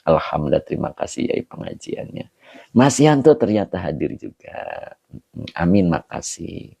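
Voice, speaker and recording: A man's voice: low-pitched, big pitch swings, normal speed, gravelly, warm tone, breathy edge, dry recording. A man as a religious teacher, closing his online lesson by greeting viewers and reading their comments in a chatty, laughing way, with Arabic phrases mixed in. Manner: chatty, laughing, switches between Indonesian, Javanese, Sundanese and Arabic. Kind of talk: casual livestream closing, reading comments aloud.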